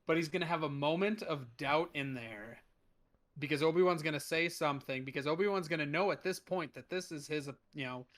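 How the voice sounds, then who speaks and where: A man's voice: on the high side, a little fast, a bit bright. A young man co-hosting a casual fan podcast, rambling through his ideas with jokes and casual swearing. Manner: rambling, jokey, casually profane. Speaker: podcast co-host. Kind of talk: casual chat.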